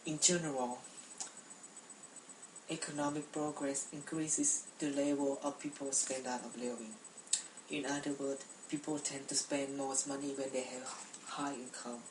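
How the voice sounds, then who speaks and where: A woman's voice: very deep voice, little pitch movement, unhurried, echoey room, far from the mic, background noise. A young woman from Cambodia giving a prepared class speech, speaking carefully with frequent restarts and repeated words.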